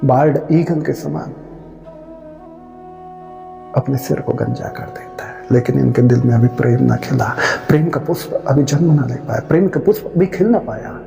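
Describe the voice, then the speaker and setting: A man giving an emphatic, rhetorical spiritual discourse, scolding his listeners in drawn-out phrases. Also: mid-range voice, creaky, warm tone. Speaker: spiritual speaker. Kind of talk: devotional discourse on Kabir's verses. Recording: long reverb with faint music.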